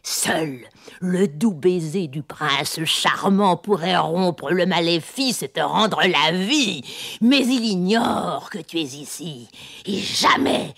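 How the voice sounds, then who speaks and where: Cackling witch, low creaky voice, drawn-out, storybook record. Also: animated, fairly bright tone, heavily acted. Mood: triumphant. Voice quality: creaky, husky old crone voice. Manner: sly, wheedling, cackling. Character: wicked queen turned cackling old witch.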